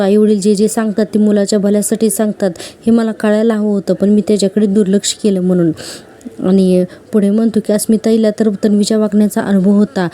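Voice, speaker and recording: Woman recapping a serial, very dark voice. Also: mid-range voice. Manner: retells scenes quoting characters' lines; chatty with frequent fillers. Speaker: serial episode reviewer. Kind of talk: casual episode recap narration.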